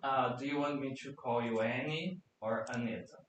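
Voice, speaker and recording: A Brazilian man with a Portuguese accent hosts a casual chat in English, playful and full of small restarts. His voice sits at an everyday middle pitch and is heard from a distance in a very echoey room. A faint hiss runs underneath. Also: moderate pace. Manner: chatty, playful, with hesitant restarts. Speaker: podcast host.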